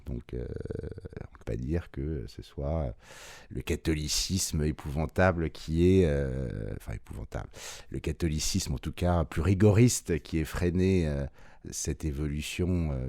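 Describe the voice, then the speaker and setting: Very deep-voiced hesitant man. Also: mellow, no room sound, clean studio sound. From France. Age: 40s. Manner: hesitant, many pauses and fillers; reflective, measured. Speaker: interviewee. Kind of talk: personal testimony.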